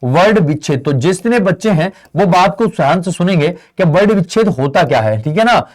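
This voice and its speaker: Man, grammar teacher, online exam-prep lesson, raised pitch, chatty question-and-answer delivery. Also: lively intonation, brisk. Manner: asks students questions and answers them in their voice; friendly, calls listeners friend and brother.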